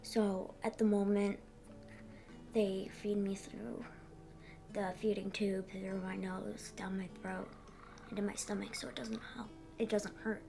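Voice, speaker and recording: A thirteen-year-old girl giving a candid personal interview in halting, youthful casual phrasing. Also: mid-range voice, level tone, vocal fry, mellow, soft background music. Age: 13, young teenager. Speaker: interviewee, young patient.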